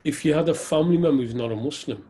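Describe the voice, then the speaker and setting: A man's voice: a little high, rapid-fire, mellow, a little hiss or hum. A man, an Islamic scholar, answering questions in an earnest, direct way during a live Q&A session, with casual banter. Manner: earnest, then teasing and laughing.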